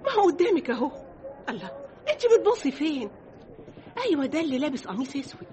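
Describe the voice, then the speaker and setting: An actress with an Egyptian accent playing an impatient young woman passerby who scolds her friend briskly in a radio drama. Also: high-pitched, very animated, a little mellow, slight background noise. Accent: Egyptian Arabic.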